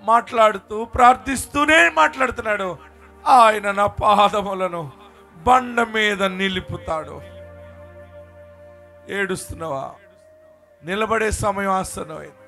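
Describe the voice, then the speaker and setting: Fervent high-voiced male pastor. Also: measured pace, pauses often, faint music behind. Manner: fervent preaching, rising to shouts. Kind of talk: live sermon and prayer. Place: church service.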